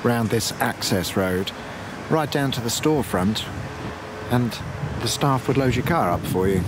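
A man's voice: medium pitch, lively intonation, measured pace. A man casually explaining a site on location outdoors. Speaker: host. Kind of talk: on-location commentary. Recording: outdoor recording with clear street noise.

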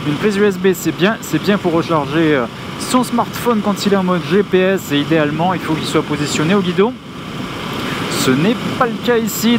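Male motovlogger, raised pitch, chatty with filler pauses, heavy engine and wind noise. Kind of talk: casual riding commentary. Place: riding a motorcycle on country roads, outdoors. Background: engine and road noise.

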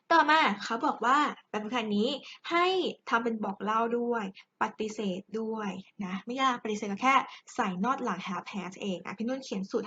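A woman with a Thai accent, teaching English grammar in a chatty, big-sister way and reading the English examples slowly. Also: a little high, fairly bright tone, highs cut off, slight background noise. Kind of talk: explaining grammar exercises to students.

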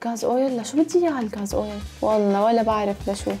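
A woman's voice: on the high side, racing. A young woman commentating a horror game, dramatic, shrieking and muttering oaths as she plays. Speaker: gaming YouTuber. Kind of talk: excitable let's-play commentary. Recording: game music behind.

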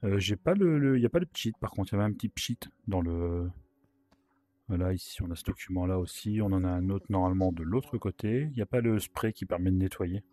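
A man with a sore throat and a worn-out, hoarse voice gives chatty, casual commentary as he plays a video game, with wry asides. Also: low voice, a little fast, warm tone. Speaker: gaming video host.

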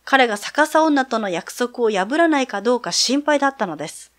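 A woman reading aloud as a male high school student who calmly tells a ghost story from a sound novel. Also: a little fast, close to an everyday voice. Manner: calm, storytelling.

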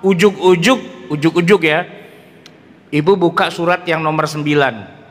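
Joking preacher, high voice. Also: male voice, unhurried. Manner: joking, animated storytelling in slang. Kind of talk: mosque lecture. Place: large mosque hall. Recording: long hall reverb.

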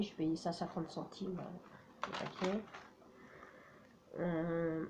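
A woman with a slightly high voice casually shows off craft items she found at a flea market, hesitating and filling her speech with "euh" and "voilà." It's a laid-back show-and-tell vlog, with a little background noise.

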